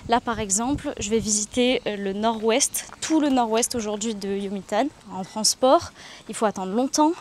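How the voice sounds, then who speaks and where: Young french woman, travel vlog, reflective, hesitant, fairly high voice, walking outdoors. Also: normal speed, darkish tone, a little hiss or hum. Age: 20s. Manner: candid and reflective, many hesitations. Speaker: travel vlogger. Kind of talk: casual confiding vlog.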